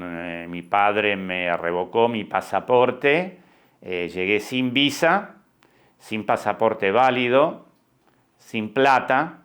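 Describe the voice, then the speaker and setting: A man in his sixties with an Argentine accent, hosting a podcast and telling his own story in a reflective way, with many pauses and hesitations. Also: lowish voice, a bit bright. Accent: Argentine Spanish. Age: 60s. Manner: slow, reflective, with frequent hesitations. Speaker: podcast host and documentary director. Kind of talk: personal podcast monologue.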